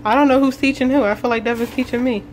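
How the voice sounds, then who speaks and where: A woman's voice: fairly high pitch, fairly even intonation, fast talker, a little mellow, soft background music, low-quality recording. A woman explaining a recipe to her viewers in a home kitchen, chatty and casual. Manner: chatty, explaining, addresses viewers as you guys. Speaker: vlog host. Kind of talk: casual cooking demonstration.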